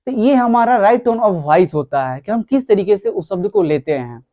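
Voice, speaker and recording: A man's voice: sits high, animated, unhurried, dark tone, highs cut off. A man giving a motivational talk who speaks emphatically, repeats his key words and calls his listeners friends.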